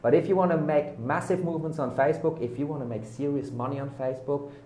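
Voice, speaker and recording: Speaking quickly in a fairly high, mellow voice, a German-accented native German marketing vlogger gives a hyped direct-to-camera sales pitch full of repeated buzzwords. The echoey room recording carries a little hiss or hum.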